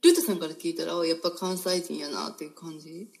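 A host with a Kansai accent leading a casual interview, chatty and teasing, with halting restarts. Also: medium pitch, fairly even intonation, gravelly. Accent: Kansai Japanese.

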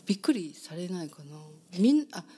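A woman with a Kansai accent hosting a community radio talk show in a studio, chatty and quick to laugh, her voice slightly hoarse. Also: on the low side, sing-song, mellow, a little hiss or hum. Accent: Kansai Japanese. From Kansai, Japan. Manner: chatty, laughs often, many fillers.

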